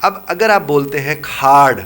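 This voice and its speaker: A man's voice: medium pitch, animated, a bit bright. Middle-aged man explaining like a teacher. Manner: explaining, lecturing with examples. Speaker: English teacher and IELTS tutor. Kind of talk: interview answers.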